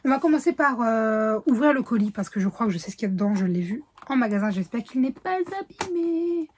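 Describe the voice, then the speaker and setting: A woman's voice: fairly high pitch, fast talker. A woman chatting casually in a reading vlog, rambling with fillers and self-corrections, now and then dropping to a whisper. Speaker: book vlogger.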